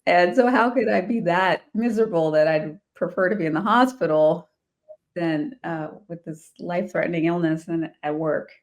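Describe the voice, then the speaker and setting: Speaking at normal speed in a fairly low voice, a real estate investor from the Washington, D.C. area shares her life story in an interview. It's a casual telling, punctuated by laughter and many restarted sentences.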